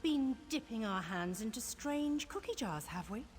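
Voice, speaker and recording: A woman's voice: fairly high pitch, animated, a little slow, soft background music. A woman playing a sly, teasing female fence in a video game. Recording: reverberant game audio.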